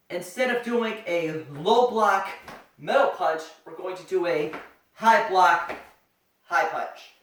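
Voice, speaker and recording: A karate instructor teaching step by step, with sharp martial arts commands. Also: mid-range voice. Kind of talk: step-by-step karate demonstration lesson. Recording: echoey room, far from the mic.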